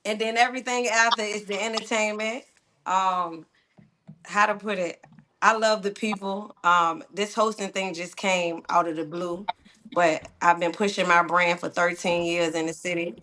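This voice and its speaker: A woman's voice: mid-range voice, steady tone, moderate pace, sharp tone, slight background noise. A woman event host and promoter introducing herself casually, with informal, slangy talk.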